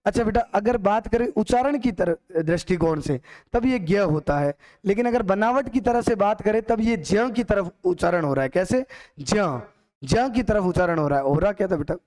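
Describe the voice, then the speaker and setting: Man, young adult, teacher, high voice, explains and answers his own questions. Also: moderate pace, a little mellow. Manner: acts out both teacher and student questions. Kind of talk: classroom grammar lesson.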